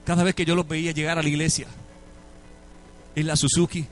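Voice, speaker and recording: A man's voice: a little high, little pitch movement, brisk, faint music behind. A Puerto Rican man preaching a sermon, telling a story and acting out the dialogue with dramatic shifts between voices. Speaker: pastor. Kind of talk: sermon testimony.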